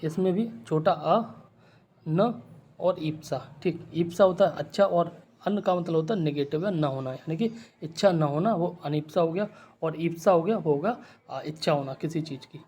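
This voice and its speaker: A man's voice: on the high side, darkish tone. A man teaching Hindi spelling, going word by word and checking in after each point. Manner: spells out letters slowly.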